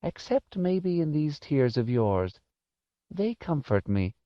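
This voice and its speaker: A man voicing a kindly, soft-spoken old woman housekeeper with a sorrowful, fussing manner in an audiobook. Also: fairly high pitch, sing-song, slow pace, dry recording, highs cut off, pitched above the performer's own voice. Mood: sad, tender. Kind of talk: audiobook character voice.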